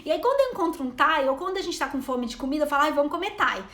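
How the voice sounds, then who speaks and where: A woman's voice: high-pitched, lively intonation, rapid-fire, sharp tone, roomy sound. A Brazilian woman in her thirties chatting to viewers in a rambling live stream, a travel vlogger and mother. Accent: Brazilian Portuguese. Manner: chatty, rambling, reading out comments.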